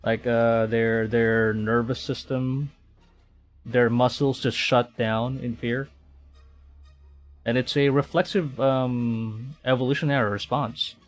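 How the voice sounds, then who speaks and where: A Filipino VTuber streamer plays through a game live, reading on-screen text aloud and adding hesitant, stammering asides. His voice is medium-pitched with fairly even intonation, and he takes it slowly. Game music plays behind him.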